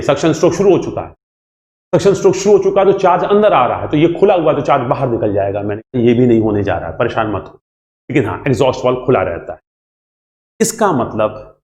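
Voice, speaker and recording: A man teaching an engineering exam class in a lively, repetitive way, acting out student questions and answering them himself. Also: medium pitch. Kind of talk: classroom lecture. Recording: echoey room.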